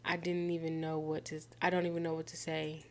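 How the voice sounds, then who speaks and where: A woman's voice: low voice, monotone, a little fast. A woman streamer playing a game, reading its text aloud and reacting in a casual, slangy, incredulous way. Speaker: gaming streamer.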